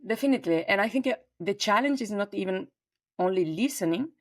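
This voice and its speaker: A woman's voice: mid-range voice, lively intonation, a little fast, dry recording, studio quality. A woman in her forties from southern Spain with a Spanish accent, a talkative podcast guest chatting over a remote call. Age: 40s. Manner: talkative, warm and expansive, frequent fillers. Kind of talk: conversational interview.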